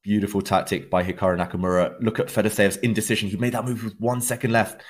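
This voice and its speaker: A man giving live chess commentary as a commentator, in measured, dramatic short phrases. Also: on the low side, level tone, breathy edge.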